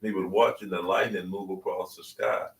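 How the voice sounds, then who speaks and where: A man in his seventies from Louisiana, speaking with a Southern US accent, tells stories casually as an interview guest. His voice is deep and gravelly at a moderate pace, recorded on a distant mic in a roomy space with faint background noise.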